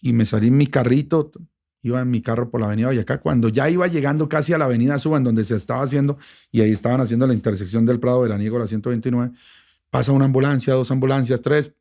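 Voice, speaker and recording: Middle-aged bogota guy, radio journalist, gravelly voice, emotional animated storytelling. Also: mid-range voice, quick pace. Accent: Bogotá Colombian Spanish. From Colombia. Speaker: radio journalist and station director. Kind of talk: interview storytelling.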